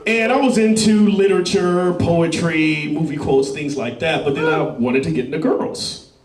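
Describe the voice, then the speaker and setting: A man's voice: on the high side, fairly even intonation, normal speed, roomy sound, far from the mic, over music. A man doing a stand-up routine on a club stage, telling stories in a playful, self-mocking way. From Los Angeles, US. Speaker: stand-up comedian.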